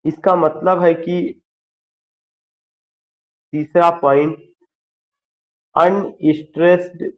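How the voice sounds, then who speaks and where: A male literature teacher giving an online lecture, speaking deliberately and spelling out terms letter by letter. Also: on the high side, dull audio. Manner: slow, deliberate, spells words letter by letter, mixes Hindi and English. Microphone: screen-share with whiteboard, computer mic.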